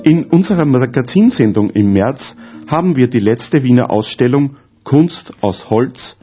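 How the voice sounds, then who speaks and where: A man's voice: mid-range voice, husky. A man presenting a radio programme as host in a scripted narration style. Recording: dull lo-fi radio, music behind.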